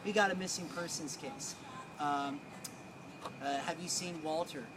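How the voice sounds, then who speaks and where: Male storyteller as polite investigator, gently suspicious, casual delivery, noisy outdoor recording. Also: fairly high pitch, measured pace, natural voice. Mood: politely suspicious. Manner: casual, coaxing. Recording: outdoor street noise.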